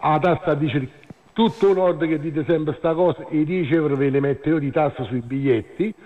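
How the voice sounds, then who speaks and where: A man calling in to a live show over a phone line, talking in a halting way with many fillers and repeats. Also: a little high. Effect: heard over a phone line. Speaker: caller. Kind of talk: phone-in chat about football. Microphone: mobile phone.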